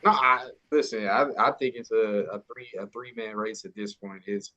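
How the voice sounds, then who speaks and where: Slangy co-host on a dull-sounding mic. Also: male voice, mid-range voice, normal speed, pushed and bright. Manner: slangy, restarts his sentences, calls people "bro". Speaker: sports podcast co-host. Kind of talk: casual sports chat.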